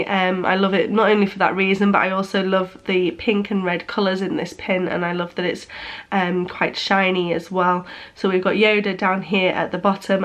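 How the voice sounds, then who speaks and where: Nasal with a cold, a young woman vlogs in a chatty, casual way, her voice medium in pitch and a bit bright. She keeps stalling and restarting sentences as she talks.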